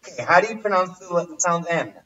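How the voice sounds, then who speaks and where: A man with a high voice leads a casual language lesson. He keeps quizzing his listeners and repeating the same questions. He sounds set back from the mic, and the audio is dull and muffled. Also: expressive, fast talker, bright, forceful tone. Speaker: teacher. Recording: distant, muffled livestream audio.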